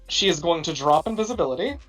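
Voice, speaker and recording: A woman with a low, husky voice and lively intonation chats as a tabletop game player. She sounds casual and conversational, over faint music. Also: rough recording.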